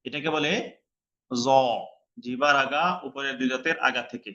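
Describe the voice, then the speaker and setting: A man with a Bangladeshi Bengali accent, a Quran recitation teacher, gives an online lesson where he slowly, patiently repeats letter sounds and now and then chants them drawn out. His mid-range voice is pushed and bright with fairly even intonation, and the recording is muffled.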